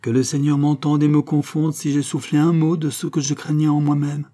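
A man's voice: mid-range voice, moderate pace, mellow, slightly rough, natural voice. A man reading as a devoted old servant. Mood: fervent. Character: devoted old male servant, fretful and tender.

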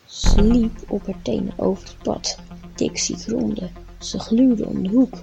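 A woman reading a children's story aloud in a clear, measured way, then talking to young listeners about faith. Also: mid-range voice, steady tone, dark tone, soft background music.

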